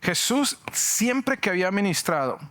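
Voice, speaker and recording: Pastor guy preaching, high voice that jumps all over, acts out the story. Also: unhurried. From Mexico. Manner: animated preaching with jokes and acted-out shouts. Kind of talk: sermon.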